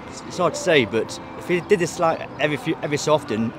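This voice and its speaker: A man answering casually as a fan in a street interview, quick and agreeable. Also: a little high, lively intonation. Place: outdoors by a stadium. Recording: outdoor street noise.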